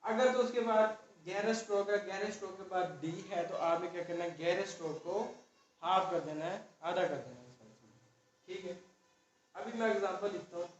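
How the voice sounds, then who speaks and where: A man teaching a shorthand class, explaining step by step and often checking in with the students. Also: high voice. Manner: slow, explaining step by step, repeating "ठीक है" often. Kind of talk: classroom lesson. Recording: dull far-off echoey room recording with faint noise.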